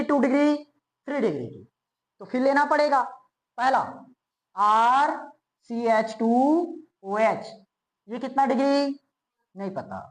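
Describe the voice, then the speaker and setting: A woman's voice: sits high, low-quality recording. A woman teaching a chemistry lesson, asking students repeated check questions and then answering them herself. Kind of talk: classroom lecture.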